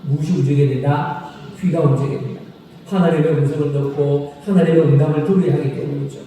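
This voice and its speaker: A male pastor delivers a sermon in a church sanctuary, his slightly raised but deeply mellow voice reaching a distant mic. Long hall reverb wraps every phrase, with faint noise underneath. He asks the congregation questions and repeats the key phrases. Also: expressive. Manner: slow, solemn scripture reading.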